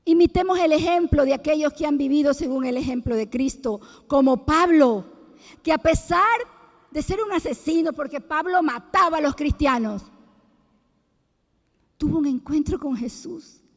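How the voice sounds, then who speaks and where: A woman's voice: high-pitched, moderate pace. A middle-aged woman giving a fervent, emphatic church testimony, preacherly and repeating herself as she speaks. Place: church hall. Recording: echoey church hall reverb.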